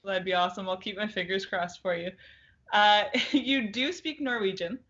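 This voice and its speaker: A woman's voice: mid-range voice, normal speed, a bit bright. Friendly female interviewer, mid-range voice, lo-fi video-call audio. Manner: friendly, encouraging, brief responses. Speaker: interviewer, host. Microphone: video call from home.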